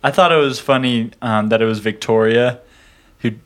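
A man chatting on a movie review podcast in an ordinary mid-pitched voice. He is wry and quick to laugh while picking apart the plot. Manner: laughs often, wry complaints. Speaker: podcast co-host. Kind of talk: casual movie review chat.

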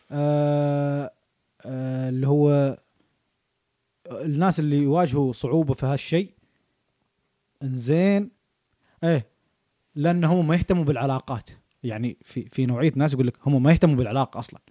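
Man, podcast co-host, quick and slightly high voice, dry close sound, keeps checking you follow. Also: darkish tone, no room sound. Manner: explains points with frequent checks for understanding. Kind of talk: casual chat.

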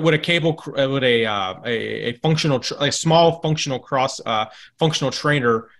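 A slightly tipsy man in a casual hobbyist chat, rambling and halting as he searches for words and swearing freely. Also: medium pitch, a bit bright. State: a little tipsy. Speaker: home gym roundtable panelist.

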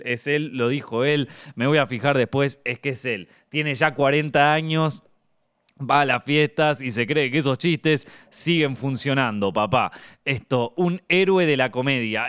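A man with an Argentine accent hosting a casual film podcast, animated, swearing freely and drifting off-topic, on a close, dry mic. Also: fairly high pitch, smooth, no echo. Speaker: podcast host.

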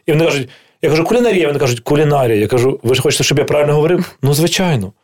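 A man in casual podcast chat with a slightly raised voice and a rapid pace. He tells animated stories, swears freely and jumps into the voices of the people he quotes. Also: fairly high pitch. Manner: animated storyteller who swears freely and acts out quoted dialogue. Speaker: guest chef and TV cooking host.

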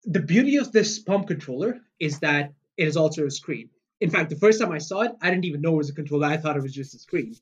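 Man, bit high voice, infomercial-style pitch, muffled lo-fi audio. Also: animated, fast talker, few pauses, slightly rough. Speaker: product specialist guest. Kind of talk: explanatory sales pitch.

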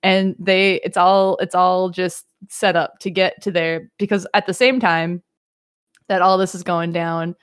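A woman's voice: fairly low pitch, steady tone, a little slow, clear, resonant tone. A woman casually recapping an episode on a podcast, rambling with laughter and many restarts. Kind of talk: casual chat.

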